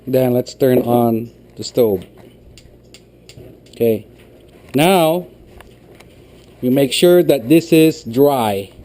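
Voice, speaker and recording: A man's voice: medium pitch, extremely slow, long pauses, warm tone. A man explaining a cooking recipe step by step in a patient way, often checking in with "okay". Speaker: home cooking instructor. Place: home kitchen.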